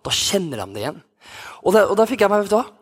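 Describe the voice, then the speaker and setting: A man's voice: sits high, big pitch swings, husky. A man in his thirties, a youth pastor, telling a personal story in a sermon with many restarts and fillers. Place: church hall.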